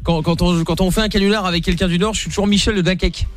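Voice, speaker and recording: A man's voice: sits high, steady tone, very fast. A man hosting a casual radio call-in show, teasing and using crude slang. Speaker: radio host. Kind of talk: casual radio banter with callers. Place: radio studio.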